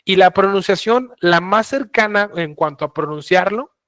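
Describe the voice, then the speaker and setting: A man's voice: sits high, lively intonation, fairly bright tone, no echo, clean studio sound. Man teaching a Bible lesson. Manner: explains slowly, many restarts and fillers. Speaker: preacher.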